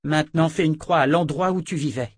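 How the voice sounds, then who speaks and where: A man's voice: on the high side, a little fast, slightly rough, no echo, pitched above the performer's own voice. A commanding woman inquisitor from a storybook, firm and controlled, as a man reading aloud plays her. She gives orders without raising her voice. Close, dry narration sound. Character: stern woman inquisitor, commanding yet tender.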